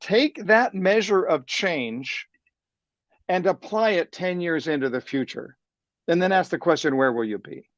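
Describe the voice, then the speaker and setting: Speaking at a measured pace, this sales trainer in his sixties has a slightly high, expressive voice. As an interview guest, he's upbeat and motivational, frequently repeating words when starting a thought. The sound is dry and lo-fi.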